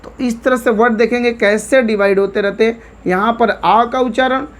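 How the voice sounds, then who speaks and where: A woman's voice: fairly high pitch, fairly even intonation, normal speed. A woman with an Indian accent teaching an English vocabulary lesson, spelling words letter by letter and often checking in with "theek hai".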